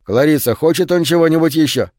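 A man playing a calm airline captain. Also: fairly high pitch, quick pace, no room sound, studio quality, close to an everyday voice. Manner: calm, matter-of-fact.

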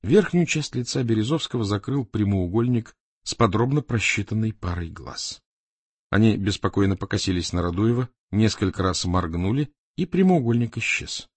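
Husky male audiobook narrator. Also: fairly low pitch, normal speed, dry recording.

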